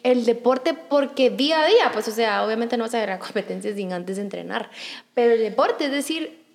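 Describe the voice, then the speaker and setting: A young woman chatting casually, telling a personal story in an animated way with many restarts. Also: fairly high pitch, fairly quick, gravelly. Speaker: podcast guest. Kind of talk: casual chat.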